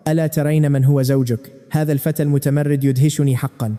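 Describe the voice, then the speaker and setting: A man's voice: a little high, flat delivery, quick pace, dark tone, in a large hall, close to an everyday voice. A man reading the lines of a confident, firm young hero in a storybook recap.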